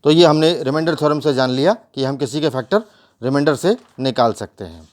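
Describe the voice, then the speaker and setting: A male math teacher with a medium-pitched voice talks fairly quickly during a whiteboard lesson. He walks through the steps, poses rhetorical questions, and slips English math terms into his speech.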